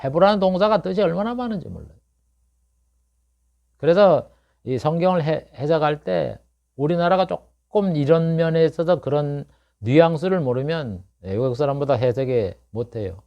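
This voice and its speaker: A middle-aged man preaching an expository sermon as pastor, talking conversationally with many rhetorical questions and swinging between low murmurs and loud, emphatic bursts. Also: expressive, normal speed, muffled recording.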